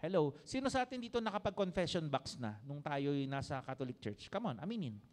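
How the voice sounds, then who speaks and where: A middle-aged Filipino man preaching a sermon in church, questioning his congregation and rising loud to drive points home. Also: a little high, big pitch swings, a little fast. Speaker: pastor.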